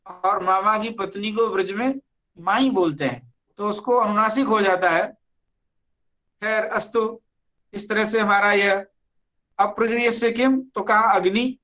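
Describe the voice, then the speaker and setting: A Sanskrit grammar teacher lectures to an online class. The delivery is very slow and measured, and key words come back again and again as the explanation unfolds. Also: mid-range voice, sharp tone, rough recording.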